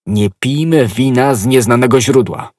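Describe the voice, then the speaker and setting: A man reading an audiobook, voicing a grave, cautious musketeer who speaks in a measured, reproachful way. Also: medium pitch, darkish tone, no echo, studio quality, pitched above the performer's own voice, close to an everyday voice.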